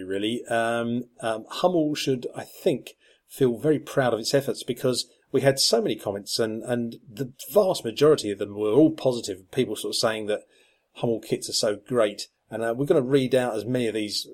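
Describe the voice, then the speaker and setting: A man's voice: medium pitch, a little mellow. Chatty man rambling about kits. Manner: rambling, lots of ums and restarts. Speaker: podcast co-host. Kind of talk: casual chat.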